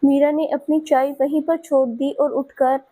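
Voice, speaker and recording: A woman storyteller giving scripted audio-story narration in a steady, even manner. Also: sits high, a little slow.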